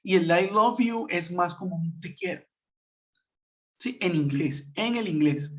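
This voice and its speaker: High-voiced man teaching over a web call. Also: lively intonation. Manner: patient, explanatory, checks with "¿cierto?"; reads example sentences slowly. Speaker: English teacher. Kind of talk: online class explanation. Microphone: computer mic on a web conference. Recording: muffled web-conference audio.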